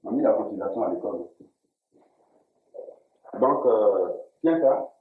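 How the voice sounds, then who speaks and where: A man with an Ivorian French accent playing a broke father in a comedy sketch, exasperated and tagging his lines with "hein?". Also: unhurried. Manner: exasperated, lively pitch, tags lines with "hein?". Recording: tinny lo-fi audio with room echo.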